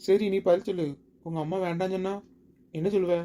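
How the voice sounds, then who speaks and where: A man's voice: high-pitched, level tone, fast talker, mellow, close to an everyday voice. A man playing a young village lover who coaxes and pleads insistently with his crying partner in a family drama. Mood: pleading.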